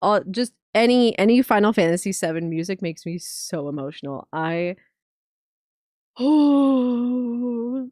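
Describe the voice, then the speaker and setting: A woman streamer reacting live, talking in a gushing, excitable way with swearing and laughter. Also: fairly low pitch, moderate pace, hardly any pauses, no room sound, studio quality.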